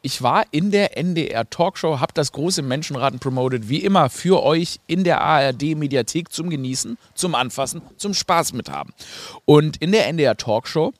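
A man's voice: fairly high pitch, expressive, moderate pace, no echo. A man hosting a podcast, talking in a casual comedic monologue full of ironic asides and fillers.

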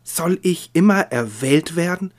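A man reading aloud as a proud, defiant young noblewoman, his voice rising in pitch and force. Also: expressive, normal speed, darkish tone, lightly acted. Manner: impassioned, raised pitch and volume.

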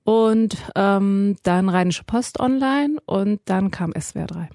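A woman's voice: medium pitch, takes it slowly, mellow, no room sound, clean studio sound. A woman in her forties, a radio journalist, talking as a guest in a podcast interview, chatty, with many fillers and restarts. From Iranian family.

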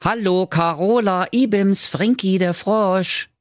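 A man's voice: high voice, slow pace, dry recording, clean studio sound, pitched above the performer's own voice. A man voicing a cheeky, pushy male frog in a raised, chummy voice with a Berlin accent. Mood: wheedling.

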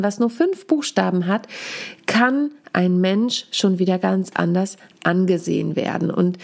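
A woman in her thirties hosting a solo podcast as a speaking coach, talking in a deliberate, coaching way, still a little hoarse from a cold. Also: medium pitch, a little mellow. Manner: deliberate, coaching tone, demonstrates stresses. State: lingering cold.

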